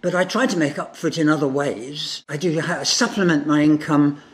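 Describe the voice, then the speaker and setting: A man's voice: on the high side, natural voice. An older man playing a hard-up, wounded old baron, answering hesitantly in a comic pantomime interview. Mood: sheepish. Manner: hesitant, halting. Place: indoor bar.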